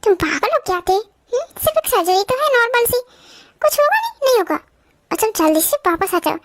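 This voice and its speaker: A woman playing a scolding mother-in-law, brisk, pitched up very high and lively, dry close sound. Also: no echo, exaggerated voice. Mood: scolding, worried. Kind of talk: Hindi fan audio drama.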